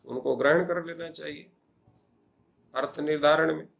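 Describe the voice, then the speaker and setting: A man's voice: on the high side, fairly even intonation, measured pace, gravelly, a bit bright. An older male professor lecturing on Sanskrit grammar, posing questions and answering them himself. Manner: explanatory, asks and answers his own questions.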